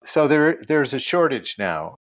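A man's voice: medium pitch, very animated, a little slow, fairly bright tone, no echo. A man speaking as a doctor on a podcast, explaining medical matters conversationally.

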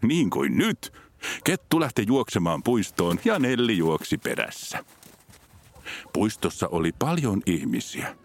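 A man with a very deep voice reads a children's story aloud. His delivery is expressive, with a wide, lively melody. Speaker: narrator.

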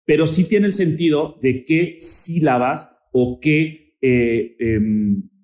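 A man's voice: a little high, takes it slowly, darkish tone. Rambling man in an echoey room. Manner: rambling, searching for words. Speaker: podcast guest. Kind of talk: casual spiritual conversation.

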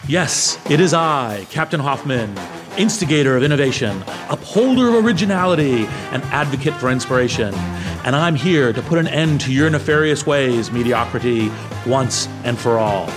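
A man's voice: mid-range voice, lively intonation, moderate pace, music in the background, natural voice. A man playing a grandiose, heroic captain in a parody radio serial, declaiming his lines.

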